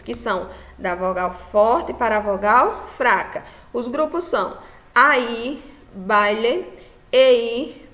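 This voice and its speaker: A Brazilian woman with a Brazilian Portuguese accent and Portuguese as her first language, teaching a Spanish lesson in a slow, explanatory way and often checking if students follow. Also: a little high, fairly bright tone. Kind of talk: recorded class lesson.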